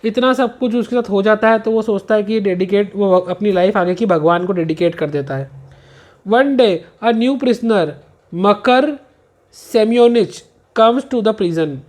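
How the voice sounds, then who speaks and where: A man teaching a revision lesson, reading English lines slowly and then explaining them quickly in Hindi. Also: high voice, a little mellow.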